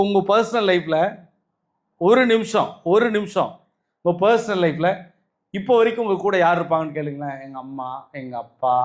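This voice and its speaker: High-voiced emphatic Tamil man preaching. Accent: Tamil Nadu. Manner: emphatic, repetitive, addresses listeners directly with rhetorical questions. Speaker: spiritual speaker. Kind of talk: spiritual talk to followers.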